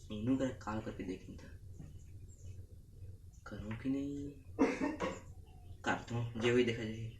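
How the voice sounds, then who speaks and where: A man with a Chhattisgarhi accent playing a young man calling his girlfriend, hesitant and quiet. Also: medium pitch, takes it slowly, long pauses, close to an everyday voice. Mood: nervous. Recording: echoey, distant, loud noise.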